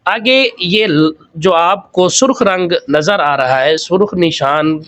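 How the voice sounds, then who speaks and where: Man, high voice, Quran recitation teacher, spells words letter by letter, slow drawn-out sounds. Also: fairly bright tone. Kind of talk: word-by-word tajweed lesson.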